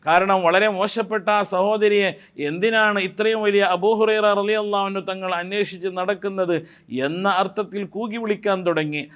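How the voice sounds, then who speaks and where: A male preacher, giving a Ramadan sermon that moves between slow chanted Quranic Arabic verses and storytelling with acted quotes. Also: high voice, fairly even intonation, fairly bright tone, smooth. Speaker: Islamic preacher.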